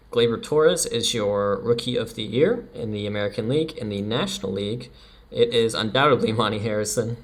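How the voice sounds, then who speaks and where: A young man casually commenting over his baseball management game, chatty and laughing at himself now and then. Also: medium pitch. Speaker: let's play commentator.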